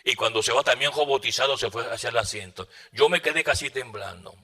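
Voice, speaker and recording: A man preaches a sermon, recounting a testimony with dramatic flair. His voice is bright and ringing at an ordinary pitch. He swings between loud, urgent bursts and quiet, hushed asides. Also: brisk, husky.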